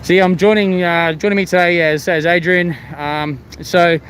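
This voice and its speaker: An Australian man hosts a casual live stream in a slightly high voice, muffled as if with a hand over his mouth by the mask he wears. He is chatty and hesitant as he talks to viewers. Faint outdoor noise sits behind him. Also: flat delivery, moderate pace, a bit bright. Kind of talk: casual live vlog chat, greeting viewers. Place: outdoors at a theme park. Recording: outdoor ambient noise, vehicle sounds.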